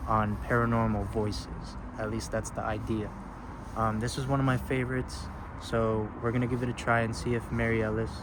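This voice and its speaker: A man with a mid-pitched voice hosts a casual outdoor ghost hunt. He speaks politely and coaxingly, as if to someone unseen, and explains things simply. Clear traffic and city ambience runs behind him. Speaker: paranormal investigator hosting a video. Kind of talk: casual narration and gentle questions to spirits. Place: outdoors at a roadside parking lot grave site.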